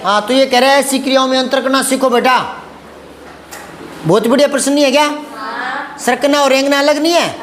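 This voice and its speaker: A man's voice: very high-pitched, steady tone, fairly quick, long pauses, roomy sound, background noise. A man teaching a Hindi grammar lesson to a class, patient and repetitive, often asking the students if they understood. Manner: patient, repetitive, addresses students as beta, asks checking questions.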